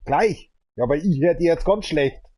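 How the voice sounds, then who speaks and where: A man, a gaming livestreamer chatting loudly and teasingly on a phone call over his stream. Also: on the high side, normal speed, husky. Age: 30s. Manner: loud, joking and teasing. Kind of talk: casual phone chat during a livestream. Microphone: earbuds in, calling over the stream mic.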